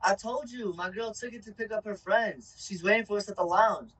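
A young man playing a loud, cocky friend who jokes around in casual slang in an amateur youth drama. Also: high voice, fairly quick, slightly rough, poor audio.

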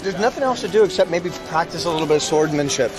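High-voiced animated man joking around. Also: fast talker. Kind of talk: joking casual chat. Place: outdoors at a busy fair. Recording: outdoor camera audio, crowd and music.

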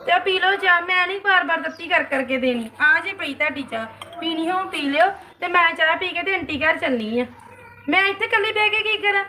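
A woman's voice: very high voice, brisk, bright, forceful tone, slight background noise. A woman from Punjab playing an exasperated wife who complains and nags about money in a home-made short film. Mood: complaining. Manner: complaining, nagging, sarcastic.

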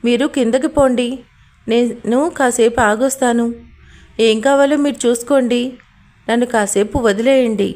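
A woman's voice: a little high, a little slow, a little mellow, close to an everyday voice. A woman voicing an irritated young man who snaps at his friends in an audio story. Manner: snappish, scolding friends. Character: hot-headed young man, the hero, irritated.

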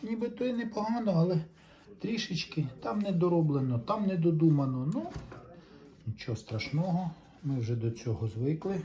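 Hosting a video about restoring a tape recorder, a man offers casual hands-on commentary, talking to viewers and thinking aloud as he works. His animated voice is on the high side with a dark tone and a moderate pace.

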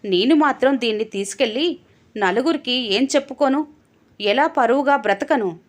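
A woman's voice: sits high, moderate pace, close to an everyday voice. A woman voicing an older father who laments his fate and worries about his honour. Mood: lamenting. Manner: lamenting, self-pitying.

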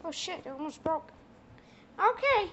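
A bumbling, foul-mouthed cartoon mouse, voiced by a young man fumbles through a cooking skit. The voice is very high and squeaky and moves up and down a lot. It comes from a noisy home video. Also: sing-song, a little slow, dull audio, full character voice. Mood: goofy. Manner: high squeaky put-on voice, swearing, drawling. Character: Mickey Mouse as a crude young cook, male. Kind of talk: comedy skit with a plush toy.

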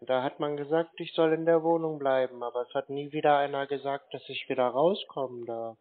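Answering phone scammers as a prank, a man speaks a little fast in a steady, medium-pitched voice. His hesitant, naive manner makes him sound confused as he stalls. The call comes through a tinny narrowband line.

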